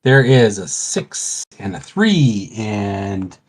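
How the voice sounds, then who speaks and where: A man's voice: lowish voice, big pitch swings, drawn-out words. A man playing a tabletop role-playing game, thinking aloud and rambling with fillers. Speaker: player. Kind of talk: casual tabletop game play.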